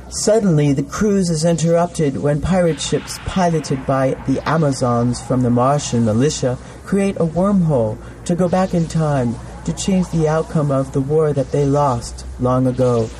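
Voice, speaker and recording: A man's voice: fairly high pitch, warm tone, slight background noise. A man telling a playful, campy sci-fi story in scripted narration.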